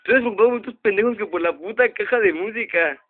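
Young male gamer, Mexican Spanish accent, high-pitched, foul-mouthed panicky commentary, phone-quality audio. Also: fast talker. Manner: swearing constantly, yelping in panic. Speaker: gamer host. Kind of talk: let's play commentary. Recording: tinny lo-fi phone recording.

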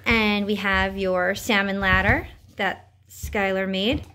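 Slow-talking mother giving a home tour. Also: medium pitch, steady tone, sharp tone, clean tone. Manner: unhurried, cheerful tour-guide talk. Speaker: parent filming a tour. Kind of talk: casual home video narration. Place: living room at home. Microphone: handheld camera.

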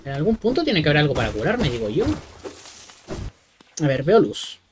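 A man's voice: on the high side, very animated, moderate pace, slight background noise. A man doing casual let's-play commentary like a scared horror game streamer, jumpy and swearing freely. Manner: foul-mouthed. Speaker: gaming streamer.

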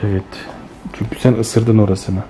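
Filming her children at home on a handheld phone, a woman with a bass voice narrates a casual family vlog at a moderate pace. She is animated and playful, teasing the child and addressing viewers as friends. A little hiss or hum is audible.

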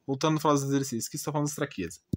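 The rant races along: a gaming channel host, Brazilian Portuguese accent, mid-range voice. Informal and blunt, he sounds exasperated, circling back over his points with rhetorical questions.

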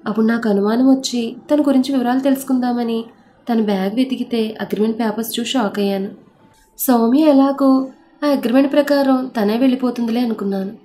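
A woman voicing a guilty middle-aged father-in-law who defends himself and pleads, in a mellow, fairly high voice. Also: a little fast, slight background noise, natural voice. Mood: pleading.

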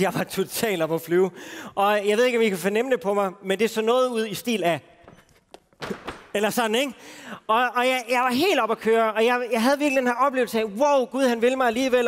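Speaking from a festival stage, a high-voiced man from Denmark shares his personal journey of faith in sermon form. His delivery is loose and self-deprecating, packed with filler words, and the hall gives it a lingering echo.

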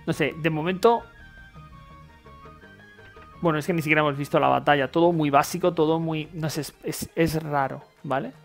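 A man with a Castilian Spanish accent commentates a game in a colloquial, informal way, thinking aloud as he goes. His voice sits a little high with plenty of fry, and game music plays faintly behind it. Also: fairly even intonation, normal speed, long pauses. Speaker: video game player and commentator. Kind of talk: casual gameplay commentary.

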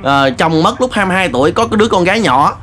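A man with a Southern Vietnamese accent, interviewing politely and gently with many fillers. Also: high voice, lively intonation, racing. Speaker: vlogger interviewer. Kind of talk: casual interview.

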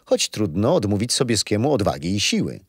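With a slightly rough, lowish voice and a pace that's a little fast, a kindly old grandfather in a children's radio play tells stories gently and explains with patience. He sounds amused, his intonation lively, and the recording is close and dry.

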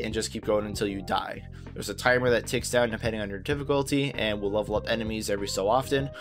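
A man with a fairly low voice gives a casual voice-over guide to a video game. He speaks in an easygoing, reassuring and informal way. Guitar music plays clearly behind him. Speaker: gaming video host.

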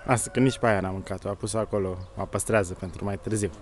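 A man filming a casual walk outdoors with his small child, softly coaxing and calling to a shy dog. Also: lowish voice, fairly even intonation, slight background noise. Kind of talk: casual vlog talk.

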